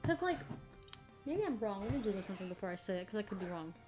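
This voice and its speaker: Woman, game streamer, casual rambling commentary, mid pitch, faint background music. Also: sing-song, fast talker. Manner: chatty, rambling, laughs often.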